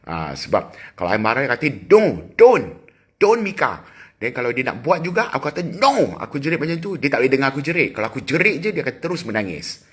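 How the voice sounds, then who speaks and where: A middle-aged man with a Malaysian accent, chatting casually with viewers on a phone livestream, teasing and quick with asides. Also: medium pitch, very animated, bright, forceful tone, slightly rough. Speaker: livestream host. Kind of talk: casual live chat with viewers.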